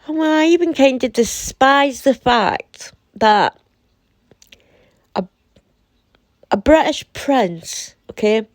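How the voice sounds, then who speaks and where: A woman from the UK with a sore throat, giving casual, opinionated commentary in a deliberate, emphatic way, repeating phrases for effect. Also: high voice, lively intonation, no echo, studio quality. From United Kingdom. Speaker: commentator reading and reacting to a website.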